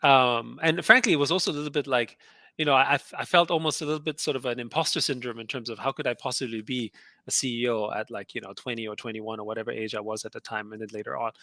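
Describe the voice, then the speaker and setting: A middle-aged Austrian man whose first language is German tells his story casually as a guest entrepreneur in an interview. His medium-pitched, steady voice is pushed and bright, and he talks fast, chatting away with frequent laughs, lots of fillers and many restarts. The recording is studio quality with no room sound.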